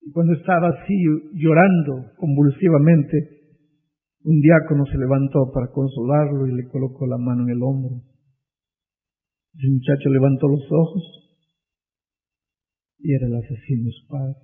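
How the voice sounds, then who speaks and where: A man's voice: mid-range voice, steady tone, normal speed, pauses often. A man preaching an evangelistic sermon, telling a story dramatically and building to impassioned appeals. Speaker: pastor. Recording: tinny, phone-like husky sound.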